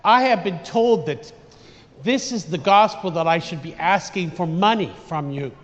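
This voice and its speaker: A man preaching an informal, conversational homily in a large echoing church, haltingly, often repeating and restarting his phrases. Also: sits high, fairly bright tone. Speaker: priest preaching. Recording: dull recording with long church reverb.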